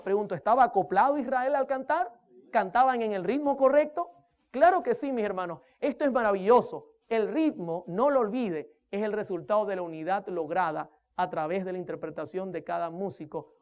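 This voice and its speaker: A woman's voice: medium pitch, a little mellow. A woman giving a sermon-style lesson on rhythm and music, speaking emphatically, asking the listeners questions and counting beats aloud. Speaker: music teacher preaching.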